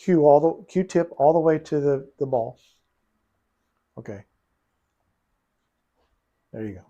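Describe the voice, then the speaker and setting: In a lo-fi recording, a billiards coach with a warm, slightly high voice takes his time as he coaches one student at the pool table. He explains patiently and says his phrases more than once.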